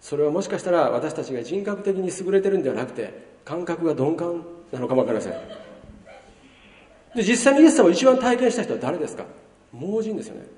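A man preaching a sermon as a pastor, lively, swinging between loud emphasis and hushed asides. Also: on the high side, fast talker. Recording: roomy hall reverb from far off.

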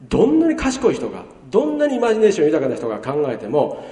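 Animated man preaching in a hall. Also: a little high, fast. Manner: lively preaching, swinging between loud emphasis and hushed asides. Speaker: pastor. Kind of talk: sermon. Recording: roomy hall reverb from far off.

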